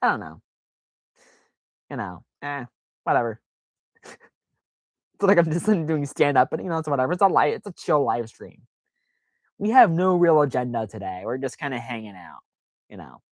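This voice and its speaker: A man's voice: mid-range voice, very animated, normal speed, long pauses, dry recording. A man hosting a casual live stream, talking in a rambling, self-deprecating way with lots of fillers.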